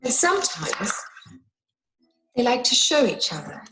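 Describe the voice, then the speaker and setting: An actress playing a gentle mother who slowly and awkwardly explains the facts of life to her small child. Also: a little high, big pitch swings, a little hiss or hum, exaggerated voice, rough recording. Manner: slow, patient, hesitant and softly awkward. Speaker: mother in a film scene.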